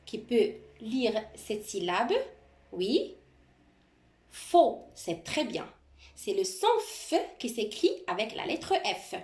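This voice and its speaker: A woman's voice: a little high, sing-song, darkish tone. A woman teacher giving a handwriting lesson, explaining each stroke patiently, step by step. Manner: slow, patient step-by-step instruction.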